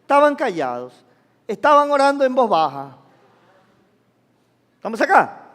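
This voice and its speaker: A man's voice: very high-pitched, sing-song, measured pace, fairly bright tone. A male pastor preaching a sermon, questioning the congregation, having them repeat phrases, and acting out sounds with sudden exclamations. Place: church. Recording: long reverb of a church hall.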